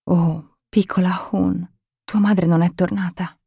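A tender, devoted young aunt who speaks softly to a child and earnestly to her mother, voiced by a woman reading aloud. Her pitch rises a little above the narration. The recording is dry and close-miked. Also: fairly even intonation, takes it slowly, vocal fry, slightly rough, no room sound, exaggerated voice.

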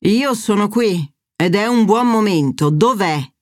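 A woman voicing a stern, stubborn older father who speaks bluntly and gruffly. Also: lowish voice, lively intonation, moderate pace, a little mellow, no echo, studio quality, lightly acted.

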